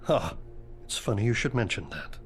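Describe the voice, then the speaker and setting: In a video game cutscene with music underneath, a man plays the ghost of a dead male school headmaster. His lowish voice moves at normal speed, formal and morbidly deadpan with a wry mood, sometimes sinking into a whisper.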